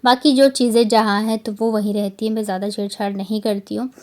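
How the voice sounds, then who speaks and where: Her mid-range, level voice is fast and a little mellow. The speaker, a vlogger in her thirties from Bihar, India, rambles chattily through casual voice-over narration of her home vlog, using lots of fillers.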